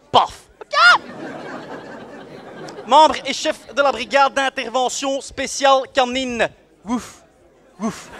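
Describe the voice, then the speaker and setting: A man playing a brash, swaggering, bigoted police officer in a live comic sketch, mocking and bursting into sudden shouts. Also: extremely high pitch, creaky, exaggerated voice. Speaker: comedian at a live event. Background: faint audience in a room.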